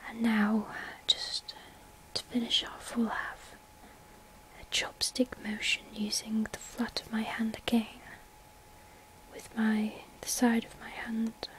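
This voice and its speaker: A woman playing a gentle, soothing spa massage therapist in a soft-spoken whispered role-play, slow and reassuring. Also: on the high side, completely flat delivery, low-quality recording.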